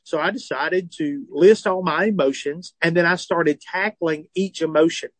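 Slightly high-voiced and earnest, this Southern man in his forties talks at normal speed with no room sound. A comedian and author appearing as a guest, he tells candid stories over a phone or remote interview from a tour bus, animated and full of self-deprecating humor.

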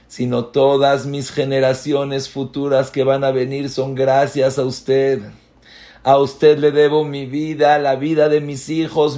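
A man's voice: medium pitch, warm tone, pitched above the performer's own voice, natural voice. A man voicing a grateful young boy in a sermon story, speaking earnestly and choked with emotion.

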